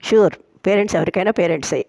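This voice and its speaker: A woman's voice: fairly low pitch, quick pace, creaky, a little mellow, dry recording. A woman storyteller voicing a boastful, playful young man who agrees to every condition.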